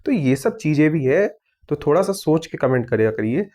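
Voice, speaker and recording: A man's voice: on the high side, big pitch swings, moderate pace, a little mellow. Man answering viewer comments on exam news. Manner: reads comments aloud and answers firmly, with many "theek hai". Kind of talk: casual chat reading viewer comments.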